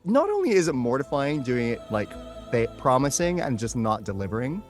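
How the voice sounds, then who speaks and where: A male voice and screen actor, appearing as an interview guest, chats and tells anecdotes in an effusive, enthusiastic way. His mid-range voice swings widely in pitch and runs a little fast, with faint music behind him.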